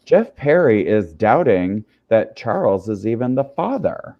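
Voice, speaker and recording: Male co-host, deep mellow voice, lively campy reactions, lo-fi sound. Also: unhurried, vocal fry. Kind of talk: casual gossip chat.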